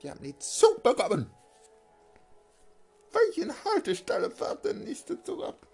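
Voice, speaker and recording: A man voicing a furious male mafia boss in a homemade audio story, yelling orders in a shrill voice. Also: huge pitch swings, measured pace, vocal fry, soft background music, full character voice.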